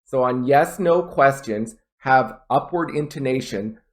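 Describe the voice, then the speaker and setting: A man teaching an online English test lesson, speaking clearly and deliberately and exaggerating rising intonation to demonstrate. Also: mid-range voice.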